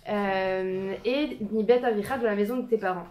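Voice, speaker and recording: A young woman the gives a relaxed, informal talk to a small group in a community room. Her pitch is average for a woman. She hesitates often, restarts her sentences and breaks into shy little laughs. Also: normal speed, lo-fi sound. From France, Paris suburbs. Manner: hesitant, many fillers and restarts, self-conscious laughter. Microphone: filmed by a camera.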